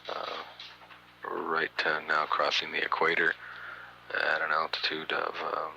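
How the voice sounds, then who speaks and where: Monotone guy doing space mission updates, very bright edgy voice, lots of uhs and pauses, old radio recording. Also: a bass voice, gravelly. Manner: halting, hesitant delivery with frequent uhs and pauses; matter-of-fact, technical. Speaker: mission control announcer, public affairs commentator. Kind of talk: spaceflight status commentary, partly improvised. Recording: noisy archival 1980s radio feed.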